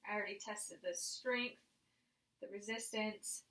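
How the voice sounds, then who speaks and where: A woman's voice: mid-range voice, steady tone, unhurried, bright, forceful tone, poor audio. A woman demonstrating a clinical exam, informally explaining each step and giving instructions to her patient. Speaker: examiner demonstrating a nursing head assessment on a patient.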